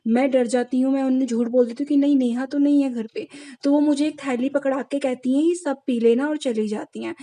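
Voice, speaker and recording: High, dark-toned woman telling her testimony. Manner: earnest storytelling, addresses listeners repeatedly. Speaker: devotee sharing a testimony. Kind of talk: personal devotional testimony.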